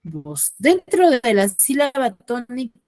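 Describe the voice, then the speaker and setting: A woman's voice: fairly high pitch, very animated, slow, darkish tone. A woman teaching an online class as a secondary school teacher over a video call, who checks in with her students often and patiently.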